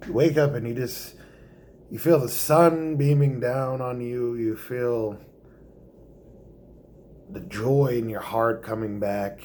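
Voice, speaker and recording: Slow, theatrical stand-up man. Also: medium pitch, fairly even intonation, a little hiss or hum. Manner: theatrical, slows for effect and drops to hushed asides. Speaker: stand-up comedian. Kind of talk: stand-up monologue.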